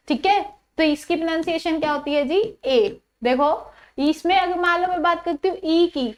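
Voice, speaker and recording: A woman teacher giving a pronunciation lesson, quizzing her pupils and drawing out each example sound. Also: very high voice. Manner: repetitive, drawn-out example sounds and questions to pupils. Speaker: English teacher.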